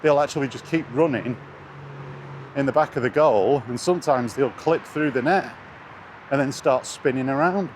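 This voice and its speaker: A British man with a medium-pitched, slightly mellow voice talks at a moderate pace. He's a gaming vlogger on a walk beside traffic, ranting casually and bluntly, full of swearing and scorn. Street and vehicle noise can be heard throughout.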